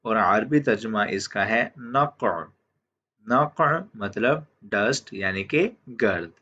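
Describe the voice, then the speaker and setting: A man teaching vocabulary, who says each word and then says it again slowly, often checking in with "theek hai". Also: fairly low pitch, bright, forceful tone. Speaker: language teacher. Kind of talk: slow vocabulary lesson. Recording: dull lo-fi audio.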